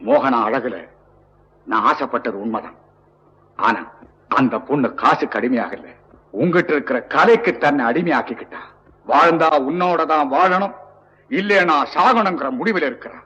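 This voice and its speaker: A man's voice: fairly high pitch, moderate pace, long pauses, fairly bright tone, breathy edge, muffled recording. An actor playing a domineering middle-aged king in a 1960s film, commanding. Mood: remorseful.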